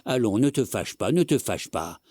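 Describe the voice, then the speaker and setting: A man's voice: medium pitch, sing-song, moderate pace, a little mellow, husky, dry recording, studio quality. A man voicing a fussy old husband who rambles anxiously and breaks into coughing. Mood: fretful. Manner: coughing fits, fretful chatter.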